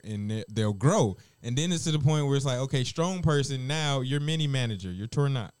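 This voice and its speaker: A man's voice: medium pitch, lively intonation, fairly quick, a little mellow, clean tone, dry recording. A man who works as a chef, chatting casually and bluntly with lots of swearing and laughter. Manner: blunt, profane, laughing often. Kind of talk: casual chat.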